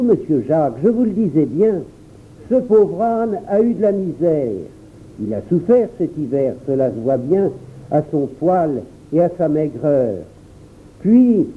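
A man voicing a steady, practical coachman who explains things matter-of-factly in a storybook reading. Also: fairly high pitch, a little hiss or hum. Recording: tinny phone-like sound.

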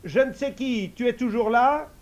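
A man's voice: very high-pitched, normal speed, voice pushed up. A man voicing a simple, cheerful young man in a storybook, speaking in a raised, naive voice.

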